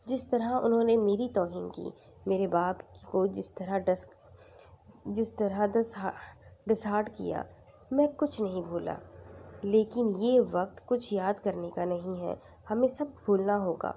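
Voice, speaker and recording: A woman voicing a calm, level-headed young man who reassures the people around him. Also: medium pitch, creaky, slight background noise, close to an everyday voice. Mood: earnest.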